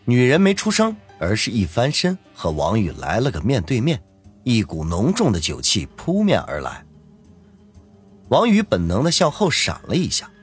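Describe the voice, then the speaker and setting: A man's voice: medium pitch, breathy edge. A man narrating a serialized web novel in a dramatic storytelling manner. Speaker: audiobook narrator.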